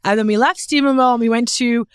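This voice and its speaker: A woman's voice: fairly high pitch, fast talker, clean tone, dry recording. Upbeat woman guest from Newfoundland. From Newfoundland, Canada. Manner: animated storyteller, swears casually, laughs often. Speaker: guest, fashion photographer. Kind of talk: casual podcast chat. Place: podcast studio.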